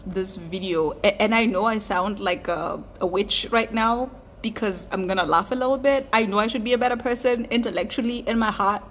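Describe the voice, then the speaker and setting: A woman talks through royal gossip in a loose, sarcastic vlog manner, full of "like" and "um". Her voice sits at an ordinary middle pitch. A faint hiss runs underneath. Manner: sarcastic, chatty, many fillers and laughs. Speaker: royal news commentator. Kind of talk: casual commentary vlog.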